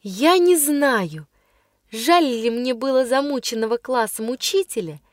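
A woman narrating a first-person story in a measured storytelling way. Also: fairly high pitch, expressive, no echo, studio quality. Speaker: audiobook reader.

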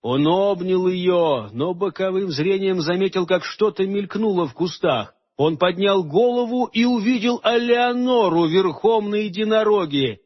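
A man narrating a fantasy audiobook in a measured, expressive reading. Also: high-pitched. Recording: dull lo-fi radio recording.

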